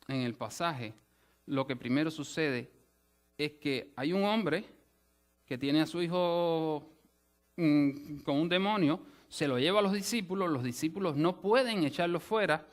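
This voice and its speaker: A man's voice: a little high, a bit bright. A male pastor teaching a sermon in an explanatory way, often restarting phrases and rephrasing with asides. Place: church sanctuary.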